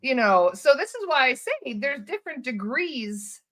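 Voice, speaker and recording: Bright, animated woman hypnotist. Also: sits high, moderate pace. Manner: animated storyteller who swears casually and acts out quotes. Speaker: hypnotist and spirit release practitioner. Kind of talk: casual conversational interview.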